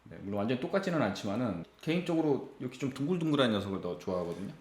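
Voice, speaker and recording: A man's voice: mid-range voice, sing-song, very fast, a little mellow, roomy sound. A man co-presenting a guitar review, chatting casually and asking follow-up questions. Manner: curious, asks follow-up questions. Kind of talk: casual gear review conversation.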